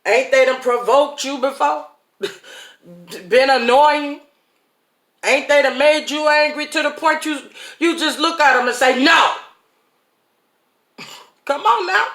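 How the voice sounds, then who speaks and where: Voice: high-pitched, unhurried, fairly bright tone. A speaker giving a casual devotional talk to viewers in a folksy way, chuckling often and speaking straight to the audience. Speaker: online inspirational speaker. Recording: roomy echo.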